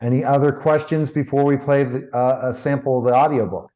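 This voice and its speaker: Mellow-voiced man hosting a video call. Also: mid-range voice, steady tone, a little fast, low-quality recording. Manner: directive, guiding others step by step. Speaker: event host.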